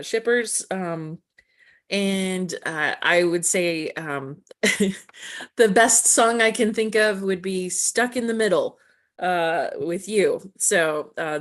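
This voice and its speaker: A woman working as a government relations director, introducing herself in a hesitant, good-humored way on a video call. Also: mid-range voice.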